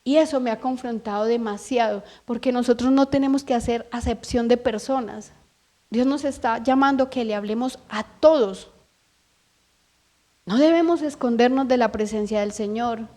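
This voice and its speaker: A woman's voice: a little high, moderate pace, a little mellow. A middle-aged woman with a Colombian accent preaching a sermon earnestly, often acting out what people say. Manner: earnest, acts out quoted voices.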